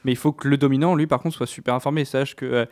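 A man on a panel explaining his views casually, in halting stretches with self-corrections. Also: mid-range voice, fairly even intonation, darkish tone. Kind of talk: casual discussion.

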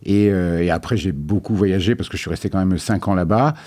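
A man's voice: sits low, brisk, warm tone. A man being interviewed as a guest artist, talking casually and hesitantly with many filler sounds.

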